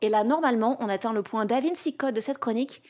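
A woman's voice: on the high side, fast talker, darkish tone. A woman from France hosting a podcast, reading a scripted, playful commentary in punchy rhythmic lists. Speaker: podcast host. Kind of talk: scripted comic narration.

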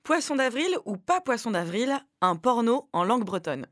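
A woman's voice: a little high, animated, moderate pace, a bit bright, no echo, clean studio sound. A woman co-hosting a casual radio show, reading a cheeky quiz in a playful, teasing way. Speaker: co-host.

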